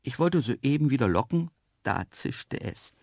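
Lively, gravelly storybook reader. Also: mid-range voice, measured pace, no echo, clean studio sound. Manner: lively, self-mocking, wry. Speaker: narrator. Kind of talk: audiobook storytelling.

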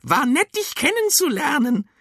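A man doing a shrill old cucumber witch. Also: sing-song, measured pace, sharp tone, dry recording, studio quality, heavily acted. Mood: cheeky. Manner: shrill, nagging. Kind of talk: children's radio story reading.

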